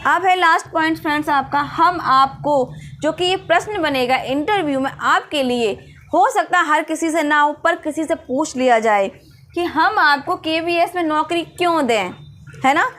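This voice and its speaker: High-voiced woman coaching candidates. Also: normal speed, fairly bright tone. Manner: earnest, coaching, often asks "है ना?". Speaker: vlogger giving interview tips. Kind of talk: casual advice vlog.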